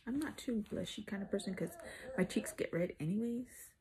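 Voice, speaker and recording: A woman doing a casual makeup tutorial vlog, chatting in a relaxed way while she applies makeup. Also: mid-range voice, normal speed, very noisy. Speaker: makeup vlogger.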